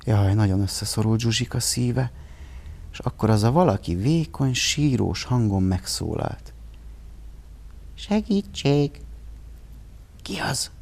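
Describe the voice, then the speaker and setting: A man reading a children's tale aloud in an expressive storybook style, giving each character a voice of its own. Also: on the low side, vocal fry.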